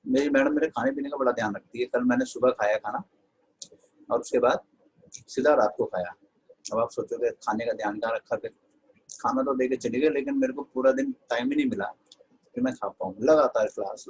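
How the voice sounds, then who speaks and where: A man's voice: medium pitch, a little mellow, slightly rough, poor audio. An Indian man teaching an online English class, mixing Hindi with English and dictating notes to his students.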